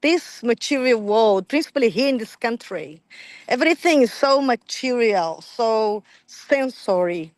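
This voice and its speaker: A woman who teaches school, sharing her thoughts in a class in an earnest, halting way. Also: a little high, animated, no room sound. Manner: grateful, earnest, halting with fillers.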